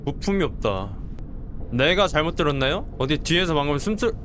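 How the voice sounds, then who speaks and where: Young male streamer, lively, jumpy horror-game commentary with a faint noise floor. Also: on the high side, brisk. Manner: jumpy, swears and yells when startled, jokey asides. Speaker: gameplay streamer.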